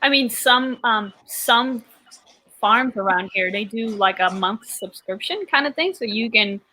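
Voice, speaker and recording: Bright-voiced woman sharing ideas. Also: a little high, expressive, a little slow, no echo, rough recording. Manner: easygoing, thinks aloud with fillers. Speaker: co-host of a realtor marketing group. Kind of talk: casual video call chat. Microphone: video call.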